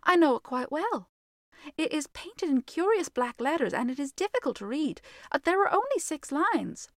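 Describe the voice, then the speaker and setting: Woman doing sharp-tongued young girl, brisk, high, lively, dry close mic. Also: no room sound. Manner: bright, quick and pert.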